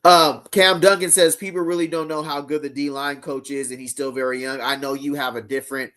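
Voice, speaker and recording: A man's voice: on the high side, level tone, fairly quick, pushed and bright. A man hosting a live fan show in a casual, laid-back way, using slang and reading chat comments aloud. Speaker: show host.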